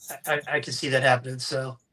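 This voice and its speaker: A man's voice: medium pitch, little pitch movement, fast, pushed and bright. A man co-hosting a casual live stream about toys, rambling and joking with plenty of fillers and restarts. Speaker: co-host.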